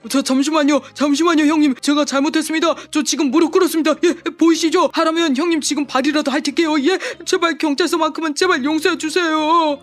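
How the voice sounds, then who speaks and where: A man's voice: extremely high pitch, fairly quick, few pauses, faint music behind. A man voicing a petty, hotheaded young male scammer in an audio drama, stammering and swinging between taunting and groveling.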